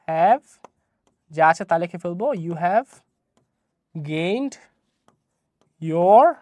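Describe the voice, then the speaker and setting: A woman's voice: mid-range voice, mellow, dry recording, studio quality. A woman teaching an online exam-prep English lesson, explaining step by step and often asking checking questions.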